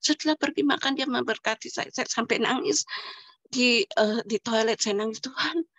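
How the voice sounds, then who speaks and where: A middle-aged woman shares a faith testimony on a video call. She speaks earnestly, with swells of feeling, in a fairly high voice. The sound is dry, with no room echo. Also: moderate pace, a bit bright. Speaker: church member giving a testimony.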